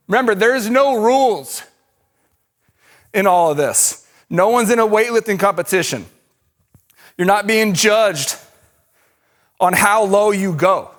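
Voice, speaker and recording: A high-voiced male fitness coach, out of breath as he works out alongside his class. He calls short, encouraging cues and takes his time between them. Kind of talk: coaching a home workout.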